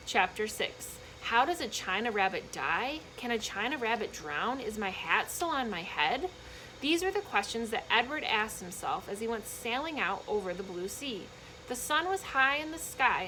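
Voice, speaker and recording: In a mid-range voice, a woman reads a children's book aloud expressively and emphatically, adding short explanations for young listeners. The low-quality recording carries a little hiss or hum.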